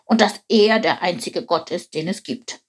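A woman's voice: lowish voice, animated, moderate pace, slightly rough. A woman voicing a know-it-all male frog who tells the story in a matter-of-fact, slightly smug way.

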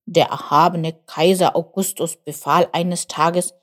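Woman playing a slow, grumbling, forgetful old buffalo for a storybook, lowish voice. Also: fairly even intonation, natural voice. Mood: grumbly.

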